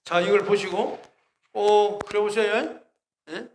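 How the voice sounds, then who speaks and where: A man's voice: high-pitched, slow, a little hiss or hum. A male pastor preaching a sermon, emphatic and full of rhetorical questions to the congregation. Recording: roomy echo.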